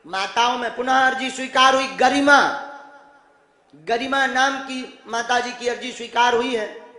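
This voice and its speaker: A man speaking as a guru in rally speech, calling out names and chants to a gathering with drawn-out, commanding calls. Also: extremely high pitch, fairly even intonation, sharp tone. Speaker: guru leading a religious gathering. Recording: echoey PA with long hall reverb.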